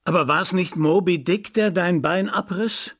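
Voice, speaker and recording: Wary ship's mate, audiobook, bright, high voice, male reader. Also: unhurried, husky, full character voice. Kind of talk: audiobook reading.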